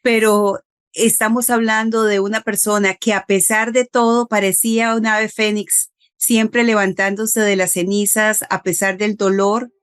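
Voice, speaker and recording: A woman hosts an interview at an unhurried pace. She speaks reflectively, drawing out her phrases as she sums up her guest's story. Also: medium pitch, level tone, clear, resonant tone. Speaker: interview host. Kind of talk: conversational interview.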